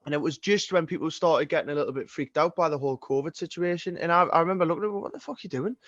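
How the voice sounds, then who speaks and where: A man's voice: a little high, racing, a bit bright, no room sound, highs cut off. A man in his twenties with a Geordie accent, a singer-songwriter talking as a podcast guest in a casual, rambling way, full of swearing and restarts. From Northeast England. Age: 20s.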